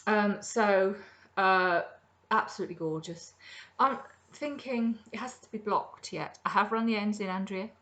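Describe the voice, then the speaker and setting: This is a middle-aged woman hosting a crafting podcast from her kitchen, with a medium-pitched, fairly bright voice and a slightly slow delivery. Her chat about her projects is casual, rambling show-and-tell, loaded with ums.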